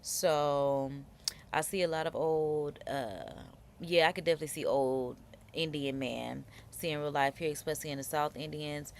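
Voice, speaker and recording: Low gravelly woman hosting a live chat. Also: moderate pace, a little hiss or hum. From United States. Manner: animated, reads viewer comments aloud. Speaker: live-stream host. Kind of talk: casual live chat reaction.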